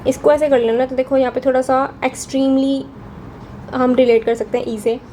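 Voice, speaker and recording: A woman's voice: high voice, little pitch movement, moderate pace, warm tone, a little hiss or hum. A young woman teaching vocabulary in a casual Hinglish lesson, chatty and often checking in with her students. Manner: chatty, checks in with frequent "theek hai".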